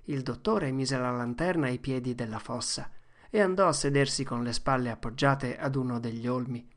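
A narrator reading an audiobook in a steady, measured way. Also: medium pitch.

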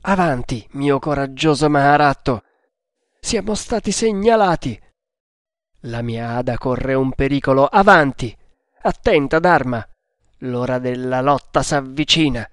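A man's voice: mid-range voice, a little slow, no echo, clean studio sound, natural voice. A man voicing a bold, desperate Indian hunter with an urgent, raised delivery in an audiobook. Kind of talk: audiobook character voice.

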